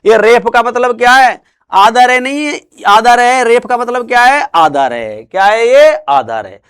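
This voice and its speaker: This male teacher gives a call-and-response classroom lecture on Hindi grammar, drawling certain words to stress them. After each question he supplies the answer in a softer, deeper voice, and his speech is expressive with a clean tone.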